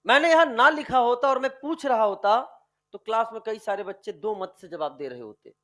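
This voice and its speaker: A man with a notably high voice teaches a chemistry class. He fires off repeated questions, waits for answers, and drags out the key terms. He calls his students dear children. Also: lively intonation, brisk, bright, forceful tone. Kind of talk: classroom lecture with online students.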